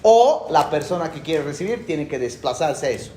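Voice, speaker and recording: A man's voice: fairly high pitch, sing-song, moderate pace, dark tone, echoey room, slight background noise. A middle-aged man giving a classroom lecture in a colloquial, emphatic way, repeating his key phrases. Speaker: university lecturer.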